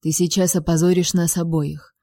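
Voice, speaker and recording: Woman voicing a seething duke for an audiobook, clipped and tight, low mellow tone. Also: level tone, normal speed, no echo, studio quality. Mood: restrained anger. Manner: clipped, hissing through held-back anger. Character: restrained, furious nobleman duke, man.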